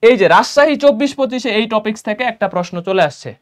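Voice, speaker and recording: A young male math teacher with a high, clear voice runs an exam-prep lesson, quizzing students with rapid rhetorical questions and mixing in English math terms. He sounds tired and a bit low on energy after a run.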